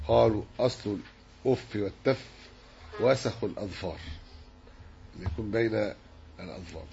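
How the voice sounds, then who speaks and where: A man teaching a religious lesson, measured and explanatory as he works through a hadith commentary. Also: lowish voice, vocal fry, darkish tone. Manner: measured, explanatory, dwells on word forms. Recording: dull lo-fi recording with faint hiss.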